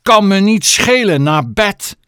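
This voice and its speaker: A man voicing a stern, snobbish mother with political ambitions, shrill and scolding, for an audiobook. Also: animated, unhurried, dry recording, clean studio sound, close to an everyday voice. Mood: furious. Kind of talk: audiobook character voice.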